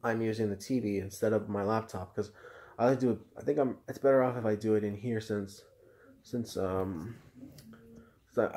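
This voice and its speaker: Rambling low-voiced man hosting a reaction video. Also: dark tone. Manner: rambling, restarts sentences often. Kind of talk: casual reaction commentary. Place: at home indoors.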